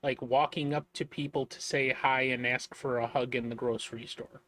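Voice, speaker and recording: Relaxed interviewer with a dry sound. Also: mid-range voice, moderate pace, no room sound. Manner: relaxed, hesitant, many fillers and restarts. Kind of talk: casual interview.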